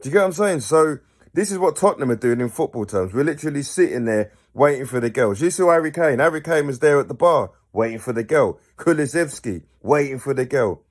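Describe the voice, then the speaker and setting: A young man delivers a fired-up fan rant straight to camera. His voice sits at an ordinary middle pitch and keeps jumping up on rhetorical questions. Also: brisk. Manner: animated, ranting, rhetorical questions. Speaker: football fan channel host.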